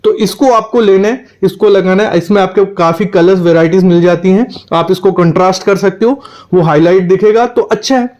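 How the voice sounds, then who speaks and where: Male interior design advisor, fairly high voice, direct instructional delivery. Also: fairly quick, a little mellow, lo-fi sound. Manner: direct, advice-giving, talks straight to the viewer. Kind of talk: instructional home design explainer.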